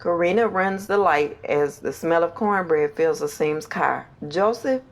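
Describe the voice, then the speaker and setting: A woman's voice: low-pitched, unhurried. Woman narrating a short story.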